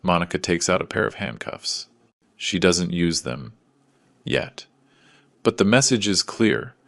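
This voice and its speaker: A man reading a dramatic first-person story in a measured, somber way. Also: deep voice, big pitch swings, vocal fry, a bit bright, dry recording, clean studio sound. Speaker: narrator.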